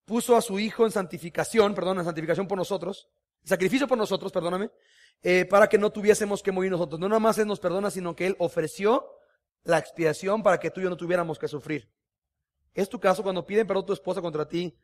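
A man with a Mexican Spanish accent delivering a sermon in a high, ringing voice. He preaches with passion but keeps it conversational, peppering his talk with rhetorical questions. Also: fast talker. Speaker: pastor.

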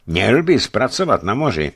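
A man voicing a coarse, grumbling fisherman foreman in a read-aloud story, with raised, louder delivery. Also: lowish voice, sing-song, pitched above the performer's own voice, full character voice. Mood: coaxing. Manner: grumbling, swearing in folksy oaths. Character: gruff middle-aged male foreman, a coarse-mouthed fisherman.

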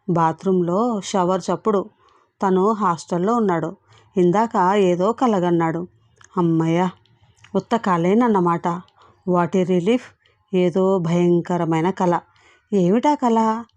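Woman narrator, expressive dramatic audiobook reading, dry close sound. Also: mid-range voice, dry recording. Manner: expressive, voicing the hero's anxious inner thoughts.

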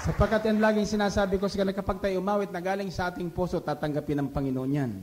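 A man preaching a radio sermon in an animated, rhetorical way, mixing English phrases into his talk and often asking his listeners if they agree. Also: sits high, racing, slight background noise. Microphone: studio microphone.

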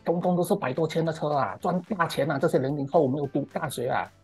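Husky Malaysian Mandarin man ranting. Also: fairly high pitch, soft background music. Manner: emphatic and ranting, drawn-out "ah" particles, English words mixed in. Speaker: current-affairs commentator. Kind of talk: opinionated monologue commentary.

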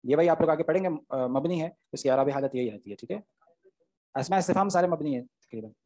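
A man's voice: a little high, quick pace, darkish tone. A man, teaching Arabic grammar in an online class, explaining step by step and often checking "okay?" with his students.

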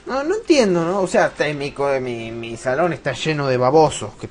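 A man's voice: fairly high pitch, animated, fairly quick, soft background music. Rambling, foul-mouthed Rioplatense teen boy. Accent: Rioplatense Spanish. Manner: rambling, swears a lot. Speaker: gameplay commentator. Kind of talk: rambling let's-play chat. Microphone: loose desk mic that keeps slipping.

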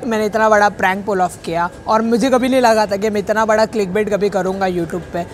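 A young man vlogs casually from a public cafe, talking into a handheld camera in a high voice with fairly even intonation and a brisk pace. He rambles, jokes and corrects himself as he goes, and there is a little hiss or hum in the audio.

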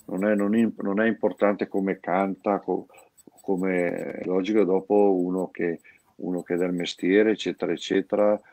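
Deep-voiced rambling man from Brescia. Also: a little mellow, dry recording. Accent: Brescian Italian. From Brescia area, northern Italy. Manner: rambling, many restarts and repeated words. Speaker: guest, founder of an artists' collective. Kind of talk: casual interview chat.

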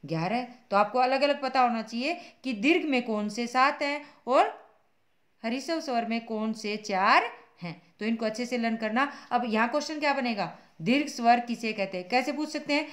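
A woman's voice: fairly high pitch, moderate pace. A woman teaching a Hindi grammar class online, who asks her students questions and answers them herself, calling them "beta" and repeating each point patiently. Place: school classroom.

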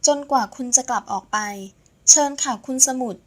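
A woman acting out a stubborn young mother in a romance audio novel. Her voice sits high and bright, polite but firm, pleading and resisting at once. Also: animated, brisk. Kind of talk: audio novel character reading.

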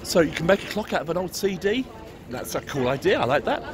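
Chatty and jokey, an English vlogger strolls a busy Christmas market street filming on a gimbal, laughing as he talks with vendors. He speaks fast in a high-ish, sing-song voice over the noise of the surrounding crowd.

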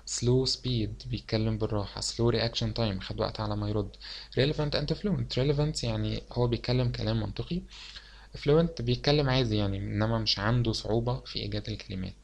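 A fairly low-voiced young man with an Egyptian Arabic accent walks students through exam revision. He explains at an easy, conversational pace and drops English medical terms into his Arabic. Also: vocal fry. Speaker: medical lecturer.

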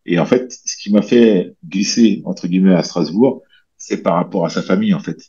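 The voice is low and slightly husky: a man in his thirties from French Guiana, a guest who works as a bodybuilder and coach, talking over a headset on a video call. It's a casual interview chat, and he rambles in a relaxed, moderately paced way with lots of fillers and restarts, indoors in a small room at home, over slightly dull call audio.

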